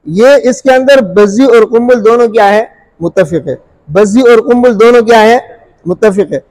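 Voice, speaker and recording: A man teaching Quran recitation rules, repeating each point and asking the listener rhetorical questions, sometimes drawing out sounds slowly to demonstrate. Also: sits high, a little mellow, low-quality recording. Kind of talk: Urdu tajweed lesson.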